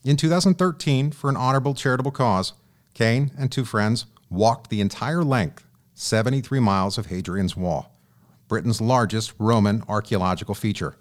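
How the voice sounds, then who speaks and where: Male podcast host, halting questions. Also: on the low side. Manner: halting, repeats words when asking. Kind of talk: host intro and interview questions.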